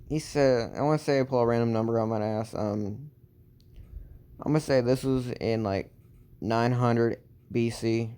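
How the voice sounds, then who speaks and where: A man's voice: mid-range voice, warm tone, clear, resonant tone. A man improvising a fan story, rambling along with lots of filler words and restarts.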